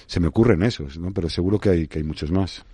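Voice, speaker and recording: A man's voice: low-pitched, fast, dark tone, husky, no room sound. A man in his sixties with a Spanish accent from Spain, a guest in a radio studio, thinking aloud in a reflective, hesitant way. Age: 60s. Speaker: guest, advertising expert. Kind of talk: radio interview.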